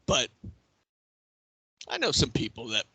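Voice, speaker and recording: A man's voice: mid-range voice, wildly swooping pitch, unhurried, bright, forceful tone, slightly rough, no room sound, low-quality recording. A man playing a tabletop game, speaking hesitantly and repeating himself as he thinks. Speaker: player.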